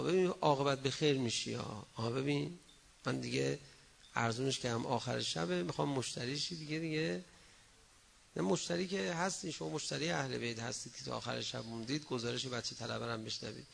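A male preacher giving a religious sermon, exhorting his listeners, swinging between loud emphatic bursts and low asides, and acting out quoted people in a raised voice. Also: creaky, slight background noise.

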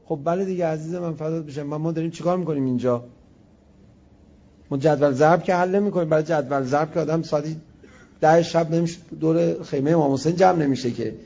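A male preacher gives an impassioned religious sermon, his fairly high voice gravelly and mellow. He fires off rhetorical questions and moves from hushed to loud. The recording sounds dull and lo-fi.

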